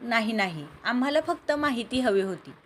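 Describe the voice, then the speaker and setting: A woman's voice: on the high side, animated, moderate pace, a bit bright, slight background noise. A woman voicing a teasing, playful young male friend who cracks cheeky jokes.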